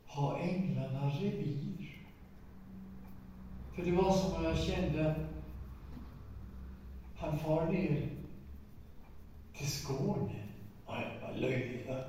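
A man in his nineties telling a story in a sermon, emphatic and slowing down for weight. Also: a little high, dark tone. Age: 90s. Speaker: preacher. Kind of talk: sermon testimony. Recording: echoey hall, distant mic, faint noise.

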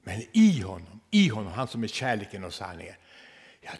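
This sermon comes from a man with a lowish voice whose pitch swings widely as he goes from loud emphasis to hushed near-whispers before his congregation. A quick "va?" follows his rhetorical questions, and the church hall lends a long reverb.

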